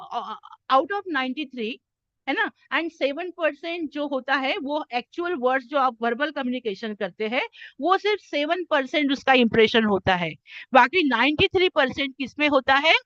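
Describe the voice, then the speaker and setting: An Indian woman soft skills trainer giving a classroom lecture, mixing Hindi and English and often checking in with "है ना?". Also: sits high, dry recording, dull audio. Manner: addresses listeners as "my children".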